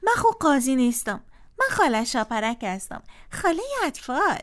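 A woman hosting a children's radio show. She speaks in a coaxing, playful way. Her voice is high and swoops widely in pitch. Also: big pitch swings, fairly bright tone.

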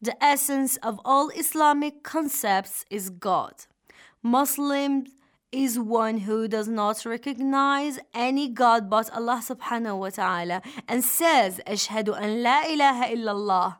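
A woman radio host speaks in a fairly high voice. She presents a religious talk formally, explaining as a teacher would. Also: slow. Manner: formal, didactic.

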